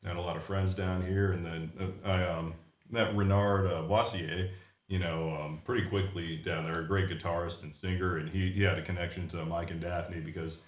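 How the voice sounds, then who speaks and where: A musician in his thirties, from the United States, telling his story in a relaxed, casual interview. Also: sits low, normal speed. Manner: relaxed storytelling with light laughs. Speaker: musician guest. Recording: distant mic, echoey dull room.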